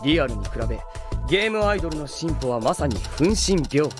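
A pompous, animated teenage gamer. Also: male voice, on the high side, fairly quick. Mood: grandiose. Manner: pompous, declaiming. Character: obsessive, grandiose teenage gamer boy in an anime. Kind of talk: Japanese anime monologue. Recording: music behind voice.

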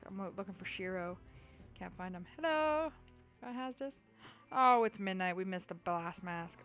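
A woman's voice: mid-range voice, vocal fry, fairly bright tone. A young woman giving chatty, goofy gameplay commentary, swearing freely as she plays. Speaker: let's play host.

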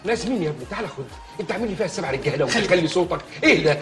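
Casting: taunting Egyptian dad, high lively voice, roomy with music. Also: male voice, racing. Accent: Egyptian Arabic. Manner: sneering, taunting. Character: indignant father of the groom, insulting.

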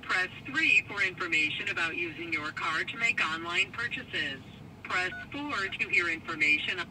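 A man's voice: sits high, moderate pace. Automated male phone menu, spliced prompts. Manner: scripted, even menu reading. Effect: spliced-together recorded prompts. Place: car, played over a phone. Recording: distant noisy phone speaker in a car.

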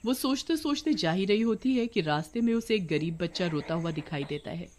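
A woman's voice: on the low side, brisk. Woman narrating a storybook cartoon. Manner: even, soft, storytelling.

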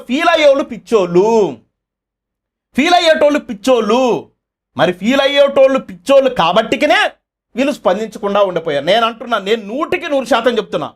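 A man's voice: very high-pitched, fairly bright tone. A man, running his own channel and delivering a fiery, accusatory political commentary full of rhetorical questions.

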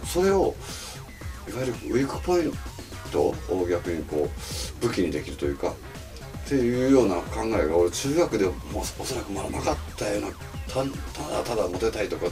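Lively man hosting a casual chat. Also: on the low side, fairly quick, distant mic. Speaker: interviewer, host. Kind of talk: casual chat with joking interjections. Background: background music.

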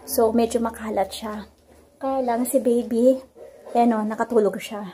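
A woman in her thirties talks casually into a handheld phone camera as she moves through her house doing chores. Her voice sits a little high, and a faint hum of the home is audible behind her. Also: steady tone, measured pace, warm tone. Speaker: vlogger. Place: house and backyard.

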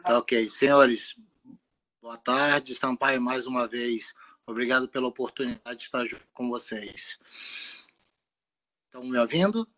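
A man joining an online lecture to add a comment, polite and measured in his delivery, with a voice at an ordinary middle pitch for a man. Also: bright, forceful tone, poor audio. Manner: courteous, measured, frequent tag questions. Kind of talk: polite remarks on a video call.

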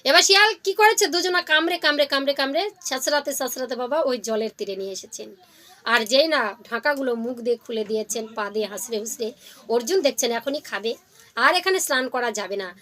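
A woman narrating a devotional story in an animated way, acting out each character's lines. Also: high-pitched, fast.

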